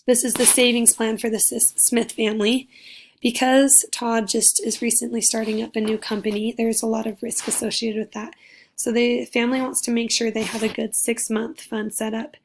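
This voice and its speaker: A young woman presenting a class project, her voice raspy because she is losing it, upbeat and full of fillers. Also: on the high side, little pitch movement, normal speed, a little hiss or hum. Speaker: student presenter.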